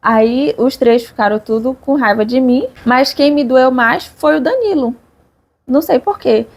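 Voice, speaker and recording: A young woman, speaking in a fairly high voice. She chats casually and expressively with her viewers, vlog-style, her voice climbing sharply when the story gets emotional. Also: unhurried. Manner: chatty, expressive, swings up high at emotional moments. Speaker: vlogger.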